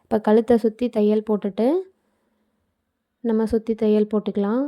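A woman's voice: mid-range voice, level tone, normal speed, dark tone. A woman giving a casual, explanatory voice-over for a sewing tutorial, with chatty asides. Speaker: tailoring channel host. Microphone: phone.

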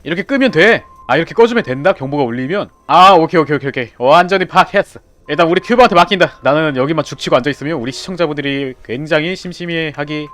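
A man's voice: a little high, fast talker, few pauses, a little hiss or hum. A young man commentating a horror game as he plays, chatting with teammates and yelping when startled. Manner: excitable, yelps and shouts when startled. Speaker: game streamer. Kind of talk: live gameplay commentary.

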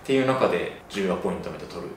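Male interviewer, probing and filler-heavy, animated quick delivery, roomy distant sound. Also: sits low, noisy background. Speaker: interviewer, former HR staffer. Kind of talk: interview questioning. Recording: echoey room, distant mic.

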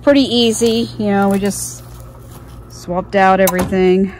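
A woman's voice: medium pitch, fairly even intonation, measured pace, a little mellow, slight background noise, low-quality recording. A woman chatting and asking questions while she films a homestead yard on her phone. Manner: chatty, asks lots of questions. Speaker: vlogger filming the homestead. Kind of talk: casual chat while filming. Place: outdoors in a grassy homestead yard. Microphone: phone camera held by the speaker.

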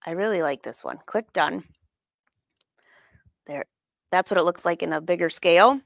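Hosting a live sewing lesson indoors in her sewing studio, a middle-aged woman chats casually and asks her viewers questions during the craft demonstration. She speaks at normal speed in a fairly low, creaky voice, captured dry with studio quality.

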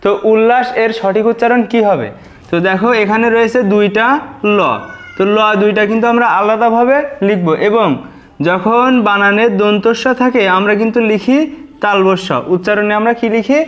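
A man's voice: sits high, fairly even intonation, normal speed, lo-fi sound. A man teaching a lesson, patiently repeating words and breaking them into syllables. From Bangladesh. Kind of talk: spoken exam-prep lesson.

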